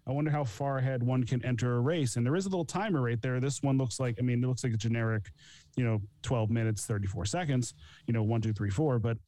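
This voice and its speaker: A man's voice: medium pitch, fast, warm tone, no room sound. A man co-hosting a casual live-stream chat in an easygoing, agreeable way. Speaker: co-host.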